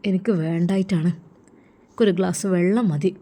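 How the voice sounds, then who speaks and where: A woman's voice: fairly low pitch, fairly quick, mellow. A woman voicing a grieving elderly father who speaks in few, subdued words. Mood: weary.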